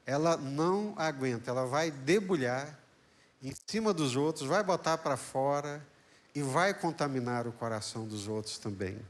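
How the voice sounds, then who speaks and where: A man's voice: medium pitch, animated, moderate pace. A man with a Brazilian Portuguese accent, a pastor preaching a sermon in a dramatic, emphatic way. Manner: dramatic, emphatic, lets his voice rise and fall.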